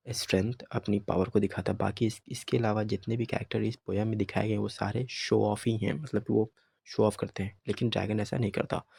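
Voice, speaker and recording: Gravelly teacher explaining a poem. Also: male voice, fairly low pitch, darkish tone, no echo. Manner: mixes Hindi and English, reads poem lines slowly. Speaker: English teacher.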